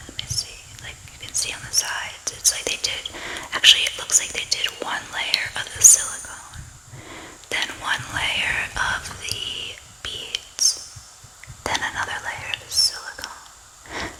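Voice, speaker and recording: A woman hosting an ASMR show-and-tell in a breathy, unvoiced whisper, chatting softly and ramblingly as her voice gives out. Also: low-quality recording. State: losing her voice, sore throat. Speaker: ASMR channel host.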